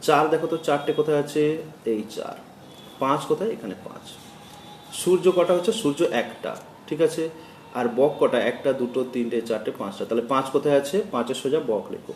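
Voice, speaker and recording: Heard from across an echoey classroom amid faint ambient noise, a male primary school teacher with a fairly high voice drills children on letters and numbers. He chants the exercises and counts out loud at a slow pace.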